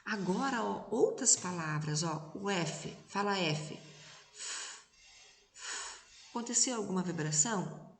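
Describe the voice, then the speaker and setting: Brazilian lady teacher, talks slow n patient to little kids, echoey room. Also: mid-range voice, lively intonation. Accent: Brazilian Portuguese. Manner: slow, patient, stretches out syllables and sounds. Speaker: primary school teacher. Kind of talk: recorded remote lesson for young children.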